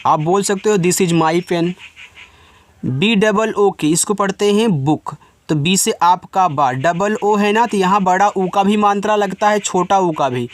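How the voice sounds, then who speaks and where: A man's voice: sits high, unhurried. A man teaching a spoken lesson. He spells out words letter by letter, then asks his students the answer and gives it himself, in an informal way. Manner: informal, addresses students directly. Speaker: English teacher.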